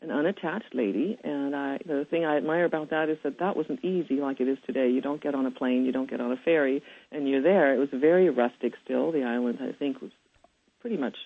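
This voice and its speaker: A woman's voice: a bass voice, fairly quick, vocal fry, breathy edge. A woman from Germany, a restaurant owner, telling stories as a guest in a radio interview over a phone line. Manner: warm storytelling with frequent laughs.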